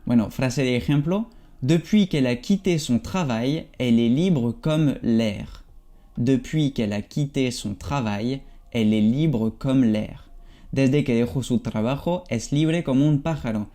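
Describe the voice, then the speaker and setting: A man, teaching a language lesson and slowly repeating example phrases for learners. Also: mid-range voice, warm tone. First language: French. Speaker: French teacher.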